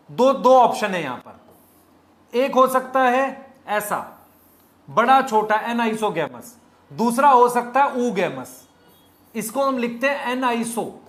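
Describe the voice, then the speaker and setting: A man's voice: extremely high pitch, a bit bright. A man teaching biology in a live online lecture in speech, repeating key points and quizzing his students.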